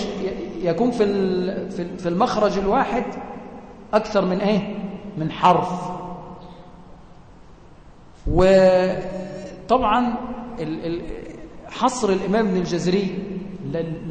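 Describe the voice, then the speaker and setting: Egyptian male tajweed teacher, high-pitched, chants examples slowly, echoey hall. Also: darkish tone. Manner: asks the class rhetorical questions and answers them himself; slows to a drawn-out chant for recited examples. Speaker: Quran recitation teacher. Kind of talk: tajweed lesson.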